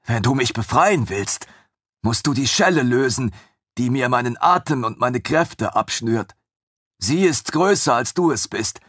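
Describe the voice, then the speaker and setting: A man reading an audiobook, voicing a huge, ancient, chained female creature who is weary and proud, in a high, urgent, drawn-out voice. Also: animated, fairly bright tone, husky, dry recording, studio quality.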